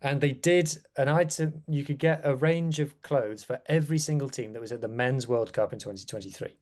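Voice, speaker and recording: A man's voice: medium pitch, fairly quick, a little mellow. A man chatting casually as a rugby podcast guest, with wry, self-deprecating asides. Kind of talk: casual chat.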